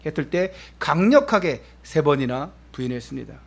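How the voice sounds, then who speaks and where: A male pastor with a slightly high, creaky, sing-song voice preaches a Sunday sermon at a church service at normal speed. He questions the congregation directly, moving between emphatic phrasing and soft, hushed words.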